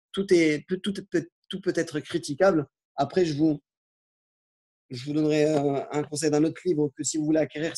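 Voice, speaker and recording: A man's voice: fairly high pitch, a little mellow. A man teaching an Arabic lesson, repeating and rephrasing key points and often checking in with "ok?". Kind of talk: explaining a language lesson.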